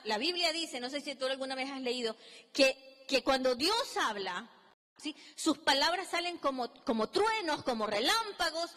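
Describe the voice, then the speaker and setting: A woman's voice: sits high, a bit bright. A woman preacher giving an emphatic, dramatic sermon in a church hall, acting out biblical dialogue. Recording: long reverb in a large hall.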